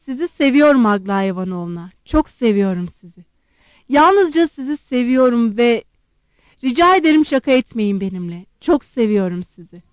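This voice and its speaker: A woman's voice: fairly high pitch, expressive, no echo, lightly acted. A woman doing a shy, stammering young prince. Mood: hesitant. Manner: hesitant, halting.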